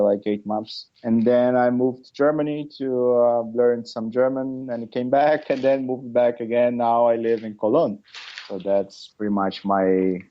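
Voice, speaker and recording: A middle-aged Brazilian man whose first language is Portuguese speaks with a Brazilian accent as a podcast guest in a casual interview chat. His medium-pitched talk is halting, full of fillers and restarts, and the recording is lo-fi.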